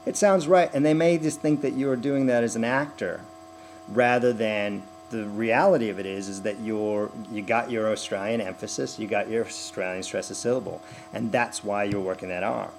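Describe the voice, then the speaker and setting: A man's voice: fairly low pitch, steady tone, moderate pace, gravelly, a little hiss or hum. An American man working as a dialect coach, explaining accent stress with many fillers and restarts. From United States. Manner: demonstrates sentence stress by example. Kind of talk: direct-to-camera introduction.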